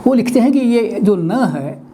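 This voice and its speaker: An older man from India giving a weekly webinar lesson on language, speaking deliberately and spelling out words. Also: high-pitched, animated, dark tone, a little hiss or hum. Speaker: Hindi language teacher. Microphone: webinar computer mic.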